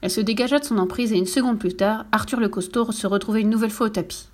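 A woman narrating a children's storybook with a lively, expressive reading. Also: medium pitch, fast talker.

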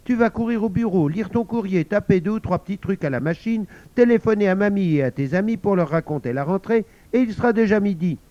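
A high, lively little-girl voice, bossy and sensible, coaxing her mother along in a read-aloud storybook, as a male narrator puts her on. Her pitch leaps up and down with animated sing-song, and the recording is dull and lo-fi. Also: fairly quick, hardly any pauses, dry recording. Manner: coaxing, scolding gently.

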